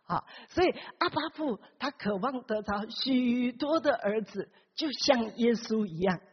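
High, husky woman preaching in a reverberant hall. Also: animated, a little slow. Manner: keeps asking the congregation questions; acts out the Bible characters with big swings in pitch. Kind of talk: sermon. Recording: long hall reverb, dull lo-fi sound.

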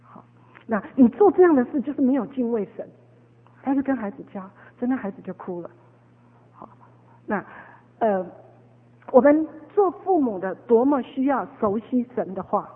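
A woman's voice: fairly high pitch, expressive, normal speed, pauses often, husky. A woman preaching a sermon, telling a story with many fillers and repeated words. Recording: tinny phone-like echoey hall.

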